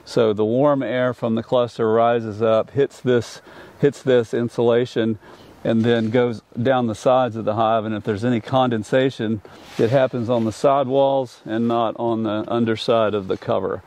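A man's voice: medium pitch, steady tone, normal speed, a little mellow. An older man and commercial beekeeper from North Carolina, explaining his methods outdoors in a plain, practical way with frequent restarts, on a lapel mic. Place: outdoors in an apiary.

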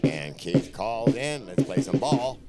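A man's voice: medium pitch, lively intonation, takes it slowly, over loud music. A man giving live play-by-play American football commentary in an emphatic way, repeating his phrases. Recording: outdoor field with loud crowd behind. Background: crowd and outdoor field noise.

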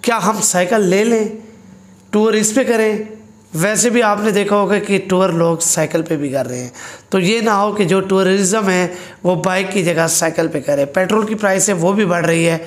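A man's voice: sits high, moderate pace. A man, talking to camera in a casual motorcycle vlog, earnest and complaining, full of rhetorical questions. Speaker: motorcycle vlogger. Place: small indoor room with a parked motorcycle. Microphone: fixed camera a few feet away.

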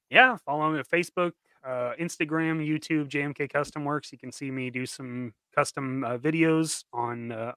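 Joking, slightly high-voiced man co-hosting. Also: sharp tone, dry recording, clean studio sound. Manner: joking, laughs often. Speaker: co-host, toy customizer. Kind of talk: casual chat.

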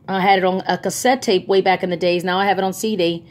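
A woman's voice: fairly low pitch, fairly even intonation, fast. A woman casually showing off her bargain finds on camera, chatty and gushing, with lots of ums, recorded on a handheld phone. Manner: chatty, enthusiastic, many ums. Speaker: vlogger. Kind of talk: casual haul video. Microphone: phone held by the speaker, off camera.

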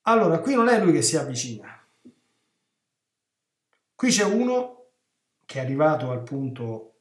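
Animated priest preaching in a roomy space. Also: male voice, mid-range voice. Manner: animated, emphatic, with rhetorical questions to the listeners. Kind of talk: retreat sermon. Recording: roomy echo.

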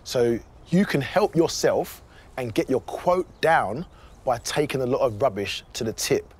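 A man's voice: medium pitch, lively intonation, measured pace, husky. A man with a British accent co-hosting a home renovation show, giving advice and presenting tips. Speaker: property show co-host.

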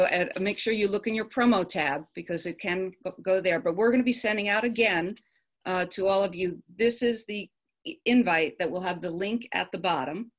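A woman presenting an upcoming event in a virtual office meeting, halting, with many ums and uhs, over a video call. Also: medium pitch. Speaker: committee presenter.

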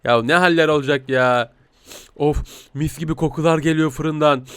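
A man's voice: fairly high pitch, steady tone, moderate pace, a bit bright, smooth, no echo. A man giving playful, teasing game commentary as a talking cat, giggling often. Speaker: gaming YouTuber playing a talking cat.

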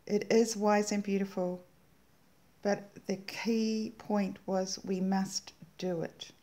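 An earnest woman hosts her own channel and shares a devotional message in a reverent tone. Her voice is warm and mellow, and her pitch sits in a middle range. She lingers over the words she treasures. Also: level tone. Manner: earnest and reverent, slows down to savor quoted words. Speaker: channel host sharing prophetic words.

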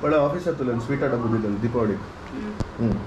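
Speaking brisk and medium-pitched, a man in his forties films a daily vlog on an action camera at arm's length, chatting and laughing with English phrases mixed in. He starts at home and heads outdoors at night. The highs are cut off, and there's background noise.

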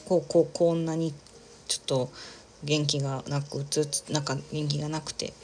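A woman's voice: low voice, flat delivery, moderate pace, a little mellow, slight background noise. A woman chatting casually on a livestream while she crafts, rambling from thought to thought, laughing often and reading out viewer comments.

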